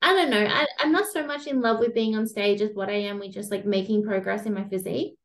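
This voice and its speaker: A young Australian woman with an Australian accent, chatting casually as a guest coach in an interview, relaxed and self-deprecating. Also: medium pitch, fast.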